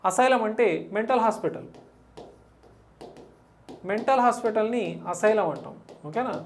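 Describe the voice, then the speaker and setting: A woman with a Telugu accent teaching an exam-prep English lesson, explaining in Telugu mixed with English and reading the questions out slowly. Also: medium pitch, a little mellow.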